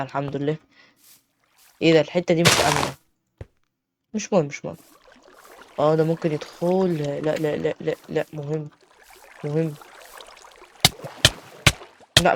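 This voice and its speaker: A man with an Egyptian Arabic accent giving chatty let's-play commentary on a game, breaking into panicked shouts. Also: a little high, heavy background noise. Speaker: gaming channel host.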